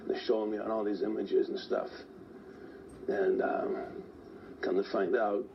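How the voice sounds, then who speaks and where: A man in his 40s, out of breath, rambles through his own story in an interview, leaning heavily on "like" as a filler. His voice is fairly low with vocal fry, delivered flatly at a moderate pace. The recording is dull and lo-fi with a faint hiss.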